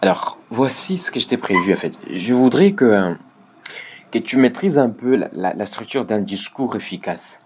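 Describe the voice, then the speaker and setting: A man teaching a public speaking lesson over a video call, explaining patiently with frequent pauses. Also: medium pitch, animated, slight background noise. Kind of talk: online one-on-one lesson.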